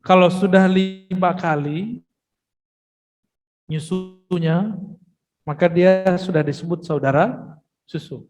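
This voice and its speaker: High-voiced man preaching in a mosque hall. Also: slow pace, long pauses, over music. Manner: casual, joking asides to the audience. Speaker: preacher giving a mosque study session. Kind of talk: religious lecture with storytelling.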